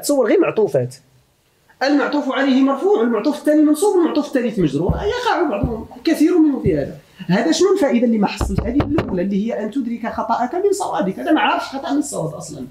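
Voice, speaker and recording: A Moroccan man gives a grammar lesson at a quick clip, his voice rising and falling with lively swings. He keeps turning to his students with questions. The room around him rings with echo. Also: very high voice. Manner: animated, questions the students, mixes classical Arabic with dialect. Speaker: religious teacher of Arabic grammar. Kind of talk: classroom lecture.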